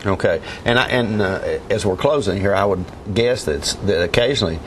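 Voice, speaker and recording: A man's voice: on the low side, fairly quick. A man hosting a casual interview in an agreeable, folksy way. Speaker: talk show host. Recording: faint background noise.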